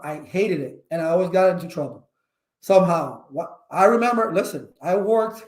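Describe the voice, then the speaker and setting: A man hosting a casual livestream talk, energetic and rambling, with many fillers and restarts. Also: high voice, moderate pace, echoey room. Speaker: channel host.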